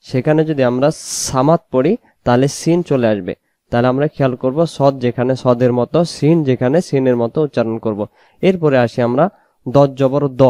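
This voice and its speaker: A man from Bangladesh, speaking Bengali with a Bangladeshi accent, teaches how to pronounce Arabic letters for Quran recitation, slowly repeating each sound. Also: medium pitch, dark tone, no room sound, clean studio sound. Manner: slow, repetitive drilling of letter sounds; sometimes sings out the letters. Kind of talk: spoken tutorial on Arabic letter pronunciation.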